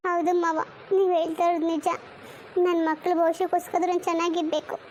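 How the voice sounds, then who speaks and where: Woman playing cartoon young mother, wronged, resigned, scolding, very high voice. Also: level tone, fast, darkish tone, a little hiss or hum.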